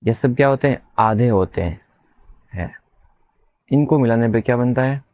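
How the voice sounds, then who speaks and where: A man teacher, teaching in a classroom way. He asks questions, answers them himself, and spells letters out slowly one at a time. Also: medium pitch, a little mellow, no echo. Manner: spells letter by letter in a slow sing-song. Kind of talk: classroom lesson.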